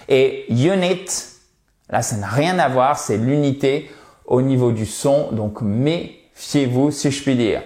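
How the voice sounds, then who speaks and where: A man teaching English in French, slowly explaining test answers and modeling pronunciation. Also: mid-range voice, reverberant. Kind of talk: French-language English lesson.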